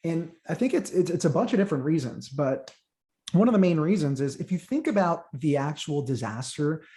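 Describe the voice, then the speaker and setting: A man's voice: on the high side, expressive, fairly quick, mellow. A young man from Honduras whose first language is Spanish, chatting eagerly as an interview guest and often repeating words as he starts a thought. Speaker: guest, Titanic content creator. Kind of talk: casual interview chat.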